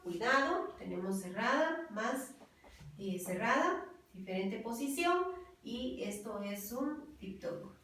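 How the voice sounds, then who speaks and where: A woman teaching a grammar lesson to students in a slow, patient way, stressing key words. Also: a little high, a little hiss or hum. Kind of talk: classroom lesson explaining grammar rules. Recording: very echoey room, voice far from the mic.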